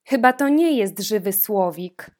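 A woman's voice: medium pitch, expressive, unhurried, a little mellow, lightly acted. A woman voicing a spoiled, fussy young princess in a storybook reading, speaking petulantly and scornfully.

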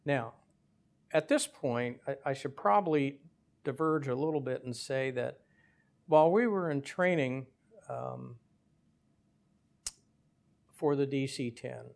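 An older man, a former airline captain, telling his story in an interview at a measured pace with small hesitations. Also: medium pitch, vocal fry. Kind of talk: conversational storytelling.

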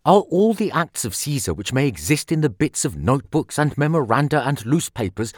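A man's voice: mid-range voice, big pitch swings, fairly quick, a little mellow, no room sound, studio quality. A man reading a scripted ancient speech in the declamatory manner of a Roman orator, posing rhetorical questions. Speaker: audiobook reader of a classical speech.

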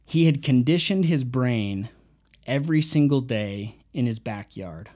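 A man with a mellow, warm tone talks through a self-help book in a relaxed monologue. He reads short quotes aloud, then reflects on them with his own anecdotes. His pitch sits in an ordinary middle range. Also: a little slow. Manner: reflective, reads out quotes and adds personal stories. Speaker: book reviewer. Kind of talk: casual book review monologue.

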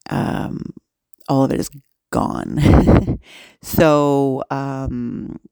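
A woman's voice: a bass voice, fairly even intonation, very slow, mellow, clean tone, no room sound, studio quality. A woman podcast host, recording a casual update on her phone, sounding dejected and rambling with many fillers.

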